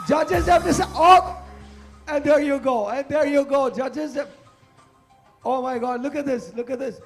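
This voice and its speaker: A male TV host yelling excited commentary over a live studio contest. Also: extremely high pitch, drawn-out words. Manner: shouting, hyping the crowd. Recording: studio with music and a loud crowd.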